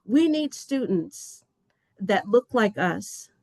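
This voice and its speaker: A woman's voice: medium pitch, animated, slow, vocal fry, dry recording. A woman giving heartfelt welcome remarks at a webinar as an agency official. She speaks earnestly and passionately, and often loses her place and restarts.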